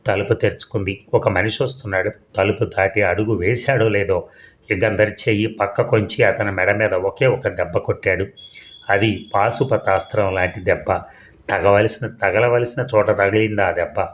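A male storyteller reading a suspense tale aloud. His voice sits on the low side, and he keeps a steady, measured pace with the odd small slip. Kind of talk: scripted narration of a suspense story.

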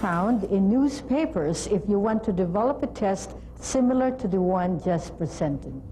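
A middle-aged woman presenting a scripted lesson in a measured, deliberate, instructional way. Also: medium pitch, lively intonation, mellow, slight background noise, poor audio. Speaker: presenter of an educational program on language testing. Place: TV studio.

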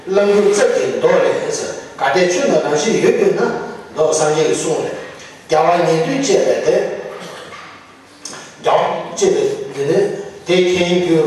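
A man's voice: on the high side, a little mellow. Male lama teacher, loose and chuckling, heard from afar in a reverberant hall with faint room noise. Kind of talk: religious teaching. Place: large monastery teaching hall. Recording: echoey hall from far off.

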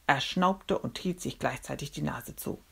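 Expressive low-voiced woman reading a story. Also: a little slow, gravelly, husky. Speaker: storybook reader. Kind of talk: reading a children's book aloud.

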